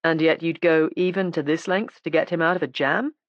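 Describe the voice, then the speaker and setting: A woman's voice: lowish voice, fairly quick, no echo, lo-fi sound, lightly acted. A woman reading an audiobook, voicing a stern male police inspector who speaks in a cool, clipped, ironic way. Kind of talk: audiobook character voice.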